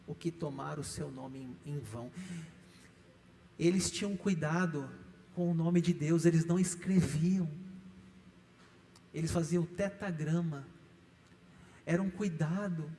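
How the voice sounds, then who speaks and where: A middle-aged man with a Brazilian Portuguese accent preaches a sermon in a fairly high voice. He stresses his points with rising, repeated lists. His voice carries a long reverb through a church hall. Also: mellow. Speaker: pastor. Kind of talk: sermon teaching.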